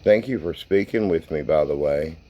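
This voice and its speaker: A man's voice: very deep voice, normal speed, muffled recording. A man casually narrating a paranormal session and questioning spirits in a folksy, plain-spoken way. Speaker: paranormal investigator hosting a spirit box session.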